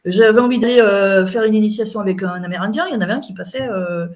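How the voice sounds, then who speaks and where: A woman's voice: mid-range voice, quick pace, darkish tone. A middle-aged woman, an interview guest, chatting casually as she recounts events and quotes what people said.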